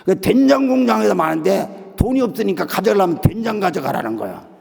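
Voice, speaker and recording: A loud, exasperated middle-aged army sergeant, as a man puts him on, his pitch jumping around and his voice gravelly. He complains and pleads in a raised voice. The sound rings in a reverberant church hall. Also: sing-song, quick pace, soft background music, heavily acted.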